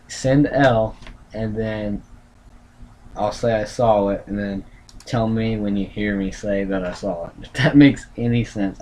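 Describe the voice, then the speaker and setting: A man hosting a casual livestream, rambling and thinking aloud in a halting, self-correcting way. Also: fairly low pitch, darkish tone. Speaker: livestream host tracking a tropical storm. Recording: clear background noise, room ambience.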